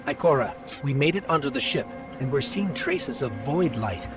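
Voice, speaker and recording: In video game dialogue, a man voices a small, confident robot companion who serves as a guide, joking and planning aloud as a quippy, upbeat planner. His medium-pitched voice is expressive, wry and lightly acted at a moderate pace. The game audio sits under loud music.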